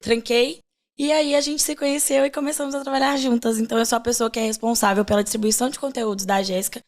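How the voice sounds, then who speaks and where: A woman's voice: fairly high pitch, steady tone, quick pace. A woman in her twenties chatting casually as a podcast guest, jokey and talkative. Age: 20s. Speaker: content manager.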